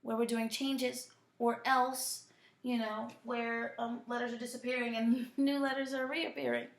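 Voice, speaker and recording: Woman language teacher, bilingual lesson, slow careful delivery, roomy echo. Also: fairly high pitch, little pitch movement. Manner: slow, drawn-out model pronunciation; playful, teasing asides. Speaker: French teacher.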